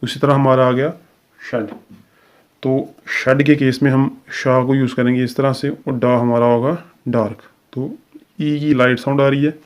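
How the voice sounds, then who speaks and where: Flat-voiced man teaching step by step. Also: medium pitch, a little slow. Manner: steady step-by-step explaining, many fillers. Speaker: shorthand teacher. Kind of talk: recorded tutorial lesson.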